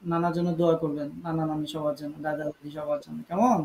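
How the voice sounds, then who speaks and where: A man teaching Quran recitation in an online class, patiently correcting students and repeating words slowly to model them. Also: on the high side, flat delivery, a little mellow, echoey room, a little hiss or hum.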